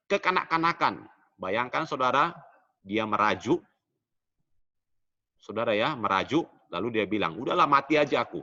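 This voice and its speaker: A middle-aged man delivers a sermon in a bright, animated preaching voice. His pitch rises for emphasis and falls low on the asides. The church recording sounds dull and lo-fi. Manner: animated preaching, often drops low on "Saudara". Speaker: pastor.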